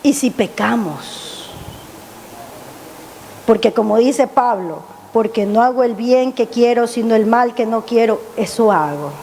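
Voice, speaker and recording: A woman pastor preaching an impassioned sermon, rising high on questions and dropping low on appeals to her listeners. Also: lively intonation, unhurried, a little mellow, slight background noise. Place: church. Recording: church hall with long reverb.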